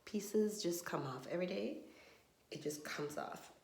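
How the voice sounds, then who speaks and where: Her lowish, slightly mellow voice moves at a measured pace as she vents in a casual vlog monologue, rambling with frustration and letting thoughts trail. She records on her phone camera in her home bathroom, which makes the audio echoey.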